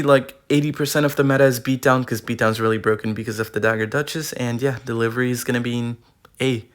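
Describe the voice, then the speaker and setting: Young guy rambling thru a game card tier list, slangy, like bro, voice kinda going hoarse, tablet mic. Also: mid-range voice, a bit bright. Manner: rambling, slangy, filler-heavy. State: losing his voice. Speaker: gaming YouTuber. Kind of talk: casual tier-list commentary. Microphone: iPad recording.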